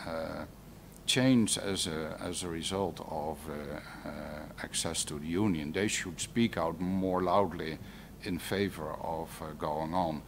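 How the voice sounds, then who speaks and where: A man's voice: deep voice, slow pace. A man giving remarks at a conference round table, hesitating as he searches for words. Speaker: panel speaker. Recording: live conference recording, faint noise.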